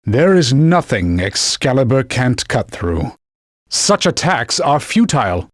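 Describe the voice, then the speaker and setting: In these game voice clips, a man plays a talking holy sword, a stern old knight and mentor whose formal speech turns into barked urgent warnings. His medium-pitched voice is husky and commanding, very animated but slow-paced. It's a dry recording made on a studio mic.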